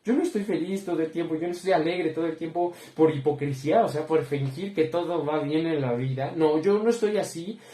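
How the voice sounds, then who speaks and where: An earnest young man leads a devotional Bible study and keeps turning to his listeners as brothers. His voice sits a little high yet sounds mellow and warm. It rings with a roomy echo. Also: fairly quick, few pauses. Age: young adult. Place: room with bookshelves behind him.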